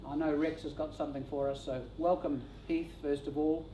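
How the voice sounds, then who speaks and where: A man leading a funeral service, thanking speakers gently and introducing the next ones. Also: fairly high pitch, flat delivery, slight background noise. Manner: gentle, measured. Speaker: funeral celebrant. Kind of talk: formal ceremony hosting. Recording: echoey room from a distance.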